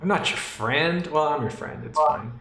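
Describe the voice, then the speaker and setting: A man's voice: on the high side, animated, moderate pace, reverberant, crowd noise. A man running a tabletop game as dungeon master on a stream, joking and self-deprecating as he talks into a desk mic.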